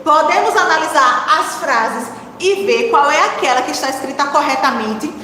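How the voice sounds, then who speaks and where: A woman's voice: high voice, sharp tone. Woman, teacher, patient syllable-by-syllable lesson for children; long hall reverb, faint noise behind. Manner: slow, spelling out syllables to children; encouraging, asks the class questions. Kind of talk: primary-school literacy lesson. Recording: echoey room with long reverb.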